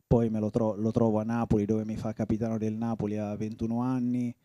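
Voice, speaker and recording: Italian man in his forties, very dark mellow low voice, dry close sound, halting reflective storyteller. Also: completely flat delivery, no echo, dull audio. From Italy. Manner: reflective, halting, often restarts phrases. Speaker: former footballer. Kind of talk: reminiscing interview.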